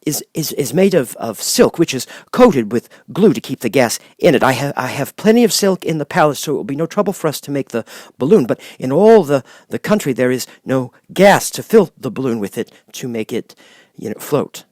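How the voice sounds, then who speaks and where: A man's voice: mid-range voice, very animated, a little fast, a little mellow, no echo, clean studio sound, pitched above the performer's own voice. A man voicing a nervous, flustered little humbug wizard for an audiobook, stammering and repeating his words. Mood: flustered, musing. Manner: stammering, hesitant, repeating words with ums and chuckles. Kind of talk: audiobook character voice.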